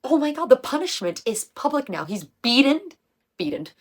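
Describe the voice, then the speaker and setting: A woman's voice: sits high, big pitch swings, normal speed, a little hiss or hum. A young woman talking casually through a video essay on music, chatty and emphatic, with slang and the odd swear. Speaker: music commentary creator.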